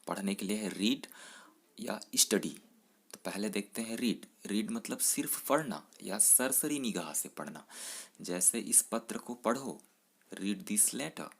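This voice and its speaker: A man teaching English vocabulary to Hindi speakers, explaining each verb and then slowly reading out example sentences. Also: lowish voice, fairly bright tone.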